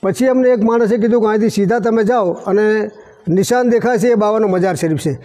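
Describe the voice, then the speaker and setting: Outdoors at a village shrine, a male caretaker tells pious stories packed with quoted dialogue in a storytelling interview. His voice is high-pitched with a dark tone, and he talks briskly.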